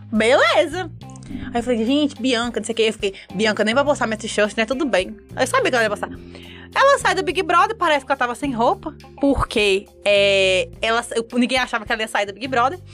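A young woman from Montes Claros, northern Minas Gerais, with a Mineiro Brazilian accent, telling a story in a chat and acting out what everyone said. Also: high voice. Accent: Mineiro Brazilian Portuguese. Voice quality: animated, self-dramatizing, quotes others in lively voices. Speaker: guest.

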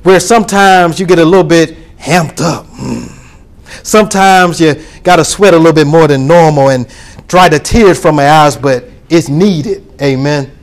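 A pastor preaching a sermon to his congregation, calling for responses and rising to shouts. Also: a little high, normal speed.

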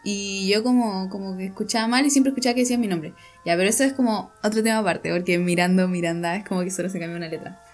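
A woman's voice: mid-range voice, steady tone, quick pace, few pauses, soft background music. A young woman with a Chilean Spanish accent, chatting in a hesitant way that trails off. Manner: hesitant, trailing off, many fillers. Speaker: podcast co-host. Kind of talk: casual chat.

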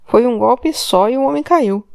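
A woman's voice: a little high, animated, normal speed, gravelly, darkish tone, no echo, studio quality, pitched above the performer's own voice. A woman reading a guilt-ridden old Portuguese father. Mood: pleading. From Trás-os-Montes, Portugal. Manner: terse, subdued answers. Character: older Portuguese man, a tearful father under guilt.

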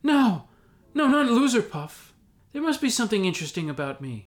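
A man's voice: a little high, sing-song, a little fast, pitched above the performer's own voice. A man voicing a young hobbit who is anxious, indignant and flustered, protesting earnestly in a parody audio story. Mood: pleading. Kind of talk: scripted audio fan-fiction parody.

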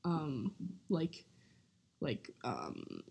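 A young woman co-hosting a casual chat podcast, talking with vocal fry and filling her sentences with "like.". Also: extremely low pitch, huge pitch swings, drawn-out words, darkish tone. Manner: vocal fry, heavy use of "like". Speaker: podcast co-host.

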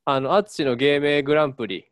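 A man's voice: a little high, brisk, clean tone, no room sound, clean studio sound. A man with a Kansai accent co-hosting a casual radio chat, with the teasing retorts of a comic straight man. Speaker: radio show co-host.

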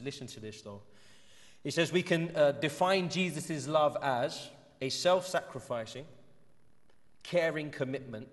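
A man with an English accent preaching a sermon earnestly, climbing to emphatic peaks and then dropping to a soft, low voice. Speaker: pastor. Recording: church hall reverb.

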